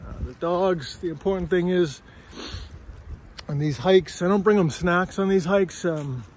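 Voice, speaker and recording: High-pitched, unhurried and darkish in tone, a middle-aged man chats through a casual walking vlog on a windy forest trail. Filming himself with a phone at arm's length, he's a bit out of breath, rambles, and keeps asking "all right?"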